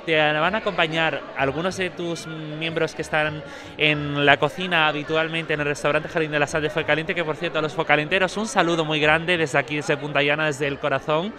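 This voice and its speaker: A man speaks as a reporter through a face mask, his voice a touch higher than most men's. He keeps a formal presenter tone with small hesitations. A busy crowd murmurs behind him in an open square. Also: little pitch movement, a little fast. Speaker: reporter hosting a local festival feature. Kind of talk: outdoor on-site interview. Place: outdoor town square at a night festival. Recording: outdoor crowd chatter behind.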